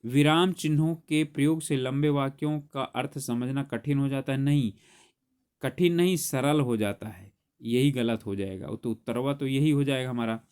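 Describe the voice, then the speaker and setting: A man's voice: medium pitch, normal speed, a little mellow, clear, resonant tone. Guy going through an exam paper, explains each answer, fixes himself mid-line. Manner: explains step by step, corrects himself mid-sentence. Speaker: exam coaching teacher. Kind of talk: solving an exam paper aloud.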